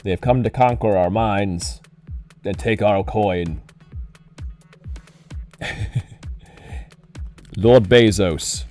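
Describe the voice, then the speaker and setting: A man's voice: fairly low pitch, extremely slow, pauses often, a little mellow, soft background music. A man streaming live, talking into a cup for a muffled effect and making mock-grand, herald-style announcements. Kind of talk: live stream chat during ad break.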